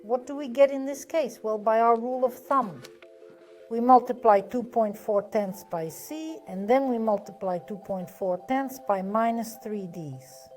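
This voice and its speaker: Speaking a little slowly in a slightly high, somewhat mellow voice, a woman guides a math lesson step by step. She is patient and methodical and often asks a question, then answers it herself. There's soft music in the background.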